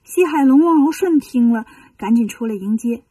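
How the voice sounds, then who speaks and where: A woman reads a children's story aloud in a lively, expressive voice. Her tone is mellow and slightly breathy, fairly high. The sound is dry, with the voice set a little back from the mic. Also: moderate pace, dry recording, distant mic.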